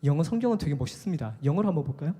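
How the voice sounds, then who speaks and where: A man preaches live in an animated, conversational way, now and then acting out other voices. His voice is high, mellow and husky. Long reverb from the hall trails behind his words. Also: racing. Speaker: worship leader preaching. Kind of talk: live sermon. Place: live worship service in a hall.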